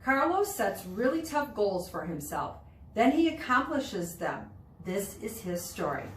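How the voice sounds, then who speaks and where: A woman teacher reads a children's nonfiction book aloud to her students, her medium-pitched voice swinging widely in pitch. She explains things along the way, pausing on words and pictures. She sounds distant and echoey, recorded on a far-off mic in a roomy space with background noise.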